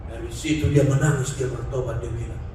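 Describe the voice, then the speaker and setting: A male pastor giving an impassioned sermon, swinging between soft passages and shouting. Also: medium pitch, fairly even intonation, a little fast, slight background noise. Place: church sanctuary. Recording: very echoey, from far off the mic.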